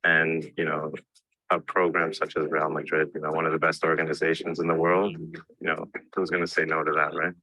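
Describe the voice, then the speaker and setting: A very deep-voiced man from New York speaking in a bright, forceful tone on a flat pitch. He talks casually in a promo interview, dropping "you know" often, and the audio is dry. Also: brisk, husky, no room sound, poor audio. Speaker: student.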